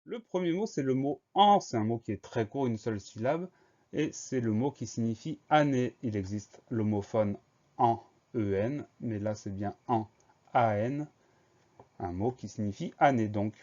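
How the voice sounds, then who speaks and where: Male teacher, mellow voice, careful letter-by-letter spelling, dull lo-fi recording. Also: mid-range voice, lively intonation. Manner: slow, spells words letter by letter. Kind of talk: spelling lesson for schoolchildren. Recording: dull lo-fi voice-over.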